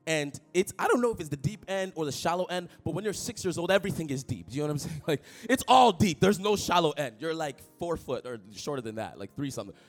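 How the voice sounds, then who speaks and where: Preaching to his congregation, this young Toronto pastor speaks quickly in a fairly high voice, hardly pausing, with soft music in the background. His sermon is full of jokey personal stories, and he keeps calling out to the people in the pews with animated energy.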